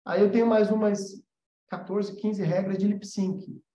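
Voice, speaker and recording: An animation teacher and mentor with a Brazilian Portuguese accent speaks in a high but dark-toned voice, flat and unhurried. He runs an informal livestream lesson, explaining conversationally and often checking with his listeners. Slight background noise sits under a roomy echo and muffled, dull sound.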